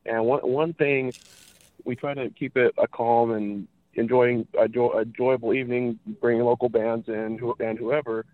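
An earnest male radio show caller from California comes through a thin, tinny phone line. His voice sits in a middling pitch and sounds close and dry, with no room around it. He hammers his points home by saying them twice. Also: steady tone, normal speed, dry recording. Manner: earnest, repeats himself for emphasis. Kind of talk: earnest call-in opinion.

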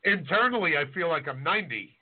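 A man's voice: fairly high pitch, animated, quick pace, slightly rough. A chef in his forties chatting casually, rambling and self-deprecating with a joking manner. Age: 40s. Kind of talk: casual podcast chat. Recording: tinny phone-like line.

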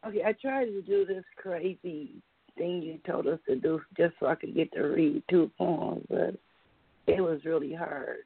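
A woman's voice: on the low side, creaky, slightly rough, dry recording. Woman caller on a tin-can-sounding phone. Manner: halting, searching for words. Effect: tinny phone sound, like a tin can phone. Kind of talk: call-in poetry reading. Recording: tinny phone line.

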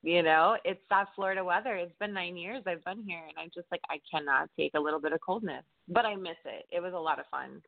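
A woman's voice: lowish voice, quick pace, creaky, few pauses, no echo. A woman co-hosting a radio show, chatting in an easygoing way with lots of fillers. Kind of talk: casual talk-radio chat. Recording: dry, phone-like line.

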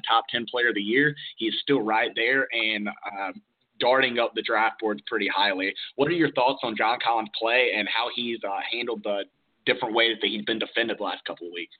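A man co-hosting a casual sports talk podcast, walking through advanced stats with frequent "uh" fillers. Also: fairly low pitch. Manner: stat-heavy, analytical, with frequent "uh" fillers. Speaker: podcast co-host. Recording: tinny phone-like line.

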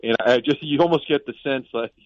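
This is a man speaking a little fast in a mid-range voice, with no room sound. As a sports reporter on a boat in a harbor, he phones in a conversational, analytical game preview, and the phone line gives it a tinny quality.

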